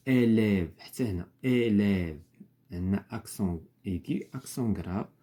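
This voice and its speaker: A man's voice: fairly low pitch, warm tone, breathy edge. A man with a Moroccan accent, patiently explaining a lesson step by step as a teacher. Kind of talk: lesson explaining worksheet answers.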